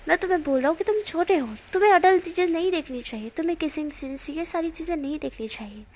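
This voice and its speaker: A flustered grown man who lectures in halting bursts, stopping and restarting. A woman reads him in a storybook telling, with her voice staying high and light. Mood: lecturing. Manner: halting, full of fillers. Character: adult man, stern guardian figure.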